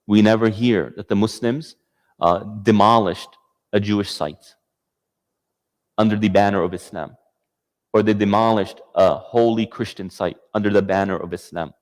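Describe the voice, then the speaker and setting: Lower-voiced guy lecturing a crowd, fired up, lots of do-you-know questions, hall reverb. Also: steady tone, normal speed. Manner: passionate, rhetorical questions. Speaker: speaker giving a talk. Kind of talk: lecture with audience Q&A.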